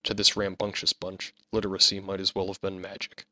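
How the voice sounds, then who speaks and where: A man narrating his own fantasy novel as an audiobook, reading in a measured storytelling manner. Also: low-pitched, monotone, bright, forceful tone, no echo.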